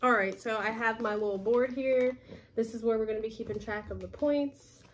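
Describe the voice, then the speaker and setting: A chatty young woman hosts a casual challenge video. She is upbeat, her voice sits a touch high, and faint noise runs underneath. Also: moderate pace. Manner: upbeat, chatty, with frequent fillers. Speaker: YouTube host.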